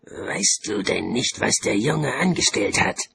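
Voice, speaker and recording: A man voicing a frail old wizard servant who sounds raspy, strained and whiny. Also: medium pitch, sing-song, a little slow, pushed and bright, pitched above the performer's own voice, heavily acted. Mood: pleading. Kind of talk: audiobook character voice.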